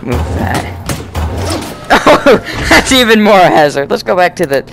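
A man's voice: sits high, big pitch swings, measured pace, creaky, music in the background. A young man giving jokey let's-play commentary, exclaiming and talking back to the game's characters. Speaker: gaming YouTuber.

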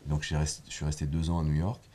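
Talking fast in a monotone, a middle-aged film director with a very deep, warm, husky voice reflects on things during a relaxed interview. The conversation, full of hesitations and false starts, takes place on a TV studio set with armchairs and is captured by a lapel mic.

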